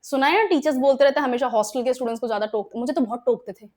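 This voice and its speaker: Indian woman teacher, high bright voice, grammar lesson in Hindi and English, keeps checking understanding. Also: very fast. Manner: explains in Hindi mixed with English examples, asks frequent check questions. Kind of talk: exam-prep grammar lesson.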